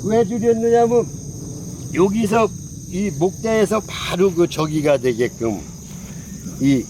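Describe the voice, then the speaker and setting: A high-pitched, mellow man walks through a casual, hands-on pruning demonstration outdoors. He talks in a folksy, repetitive way as he points at the branches. Faint crickets chirp behind him. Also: slight background noise, poor audio. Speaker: pine tree grower. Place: outdoors among pine trees in the countryside.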